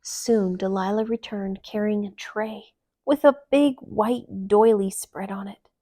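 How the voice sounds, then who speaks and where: At a medium pitch, a woman narrates a children's storybook aloud, giving it an expressive, measured storyteller's delivery.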